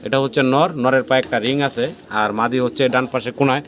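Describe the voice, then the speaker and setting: Rapid-talking Bangladeshi man selling pigeons. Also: mid-range voice, fairly even intonation, fairly bright tone. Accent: Bangladeshi Bengali. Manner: rapid patter, repeats prices, frequent blessings. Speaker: pigeon seller channel host. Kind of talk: fast walkthrough sales tour. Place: pigeon farm with cages. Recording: noisy farm recording with pigeons. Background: pigeons cooing.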